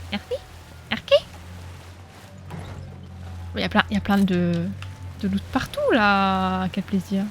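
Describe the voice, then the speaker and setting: A woman's voice: mid-range voice, steady tone, takes it slowly, long pauses, a little hiss or hum. A woman streaming a video game, chatting casually and playfully with her viewers and laughing often. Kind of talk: casual live gameplay commentary.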